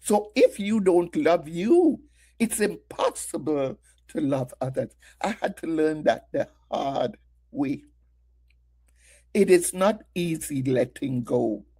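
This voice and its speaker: Middle-aged woman preacher, warm, mellow tone, slow and deliberate, testimony-driven sermon. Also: low-pitched, sing-song, breathy edge. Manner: preaching with many rhetorical questions, testimonial. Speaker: women's ministry speaker. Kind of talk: Mother's Day sermon.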